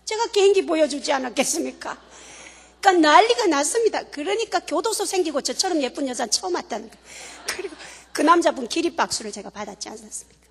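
A high-voiced woman giving a church testimony, playful and animated at times and soft and hushed at others. Her voice rings with a long reverb through a large hall. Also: fast talker, gravelly. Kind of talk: humorous then earnest testimony.

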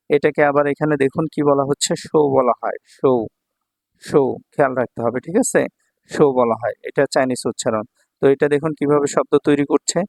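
A man's voice: mid-range voice, creaky, a little mellow, no room sound. A man from Bangladesh teaching a kanji lesson and promoting his language school, explaining patiently, repeating each reading and often checking in with his students.

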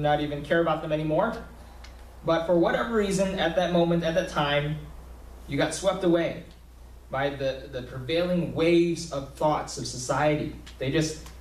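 A young man preaching a sermon in a small church hall, talking conversationally with many fillers and restarts. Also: fairly high pitch. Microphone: podium mic, filmed from a far camera. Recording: roomy hall sound from far off.

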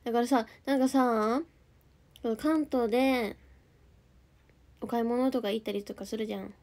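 A woman's voice: a little high, steady tone, normal speed, darkish tone. A young woman with a Kansai accent chatting casually on a livestream, reading out viewer comments and answering them. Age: young adult. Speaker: idol group member streaming live.

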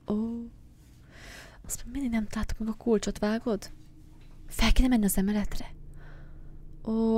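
Playing a horror game, this woman, a gaming channel host, chatters casually and jumpily, addressing things on screen and cursing now and then. Her voice is a little high and slightly mellow.

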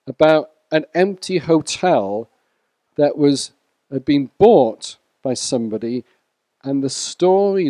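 A man preaching a sermon to a church congregation in a measured way, sometimes speaking to people in the room. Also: medium pitch, dark tone, no echo. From Wales.

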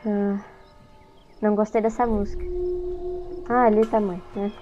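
A woman's voice: mid-range voice, flat delivery, unhurried. A young woman with a Brazilian Portuguese accent giving casual, chatty let's-play commentary, easily startled and talking to the game. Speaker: gaming YouTuber. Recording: dull lo-fi sound with game music behind.

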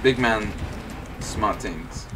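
A man's voice: on the low side, drawn-out words, loud music behind the voice. A young man chatting casually while playing a game with a friend, laughing a lot and yelping when chased. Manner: laughs a lot, yelps and shouts mock French when chased. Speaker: gamer. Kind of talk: casual gaming chat.

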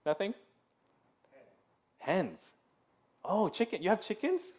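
A man's voice: sits high, sing-song, slow, darkish tone, breathy edge. A man in his thirties giving a casual sermon as pastor in a church, chatty and full of "like" and "um", with laughing asides. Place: church sanctuary.

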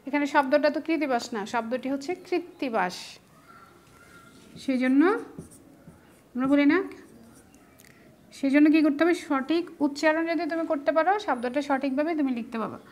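A woman's voice: sits high, normal speed, pauses often, a little mellow. A woman teacher with a Bangladeshi Bengali accent, patiently explaining spelling step by step in an online class.

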